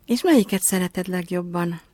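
A woman voicing an excited, kind-hearted little girl in a storybook reading, with eager exclamations. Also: on the low side, no room sound, natural voice. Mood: friendly.

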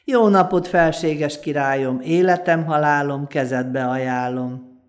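A woman's voice: low voice, close to an everyday voice. A humble poor peasant man from an old folk tale, plain-spoken and earnest, as a woman storyteller puts him on. He talks simply and sincerely, like a modest villager.

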